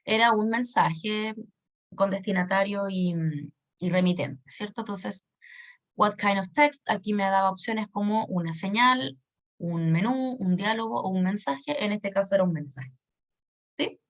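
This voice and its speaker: A woman, an English teacher giving a recorded lesson. She repeats words slowly and keeps checking that her students are following. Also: medium pitch. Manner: patient, checks understanding with frequent tag questions.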